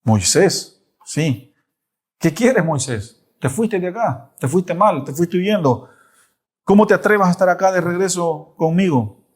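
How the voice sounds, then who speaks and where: A man's voice: sits high, lively intonation, a little slow, breathy edge, full character voice. A man voicing a proud, mocking Egyptian king in a retold Bible story. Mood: scornful. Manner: scornful, mocking laughter.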